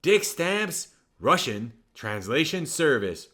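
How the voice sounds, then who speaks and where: A man puts on a swaggering [name]-style pitchman selling his service in a mock radio commercial. He drawls slowly, slipping "uh-huh, uh-huh" between lines, in a bright, slightly raised voice. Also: big pitch swings, full character voice.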